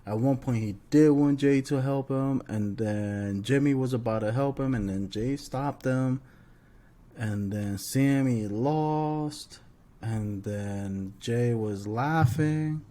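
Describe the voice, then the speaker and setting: Male co-host, everyday mid-pitched voice, loose slangy podcast banter. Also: slow, warm tone. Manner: laid-back slangy banter, laughs often. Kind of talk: casual chat.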